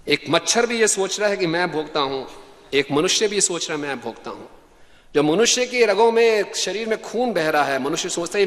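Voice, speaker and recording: A man gives a lively sermon to a gathered audience, slipping into quoted voices as he tells his stories. His voice sits a little high for a man. The recording carries the long reverb of a large hall. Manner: animated storytelling, acts out quoted voices, laughs with the audience. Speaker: preacher giving a scripture class.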